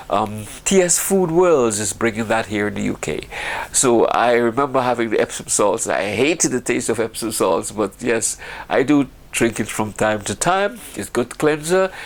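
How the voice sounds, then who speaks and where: A man from Guyana chatting casually and ramblingly about his home remedies, with frequent restarts and laughs. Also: mid-range voice. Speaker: vlogger.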